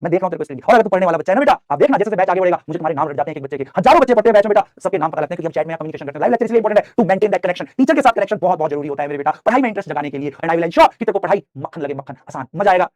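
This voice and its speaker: A man, an animated coaching teacher giving an online chemistry lecture and calling his students "beta" like a father. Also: high-pitched, racing, hardly any pauses, dry recording.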